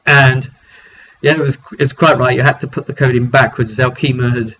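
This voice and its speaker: A British game master with a mid-range, sharp-toned voice speaks briskly and steadily as he recounts a tabletop roleplay session. His storytelling monologue is chatty and rambling, with the players' lines acted out, recorded on a dull lo-fi mic with faint noise.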